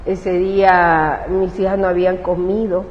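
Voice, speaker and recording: With a voice on the low side and a flat, unhurried delivery, a woman pastor with a Salvadoran accent recounts her testimony during an interview. Telling it with feeling, she acts out the things she once said. The recording is roomy and dull, with faint hiss.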